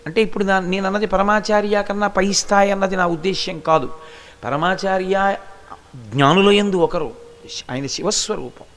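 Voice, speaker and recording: A man with a high voice delivers a devotional discourse. He explains ideas like a teacher, moving between teaching and storytelling. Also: normal speed, fairly bright tone. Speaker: religious discourse speaker.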